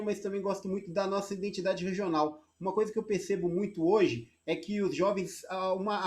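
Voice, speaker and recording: A man's voice: high-pitched, darkish tone. A Brazilian man hosting an interview, asking friendly, rambling questions about culture and a guest's life. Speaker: interviewer, host. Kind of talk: casual interview.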